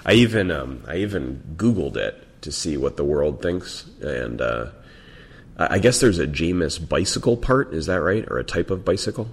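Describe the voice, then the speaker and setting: Deep creaky podcast host. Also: male voice, big pitch swings, normal speed. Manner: hesitant, restarts words, laughs often. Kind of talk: casual interview chat.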